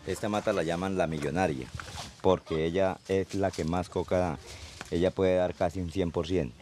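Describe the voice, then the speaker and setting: A man's voice: low voice, fairly even intonation, moderate pace. A man with a Colombian accent explaining things casually, as a farmer interviewed outdoors. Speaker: coca farmer being interviewed. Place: outdoors in the countryside.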